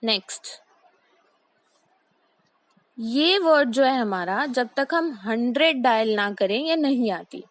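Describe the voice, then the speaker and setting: High-voiced woman teaching pronunciation slowly. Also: animated, poor audio. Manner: slow, deliberate example sentences, repeats each word. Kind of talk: explanatory lesson mixing Hindi and English.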